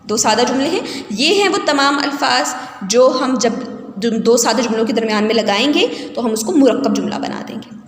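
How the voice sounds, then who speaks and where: A woman's voice: on the high side, animated, slight background noise. Woman teacher in an echoey room. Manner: explains carefully, spelling out vowel marks letter by letter. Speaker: Urdu teacher. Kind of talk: recorded classroom lesson. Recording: echoey room with long reverb.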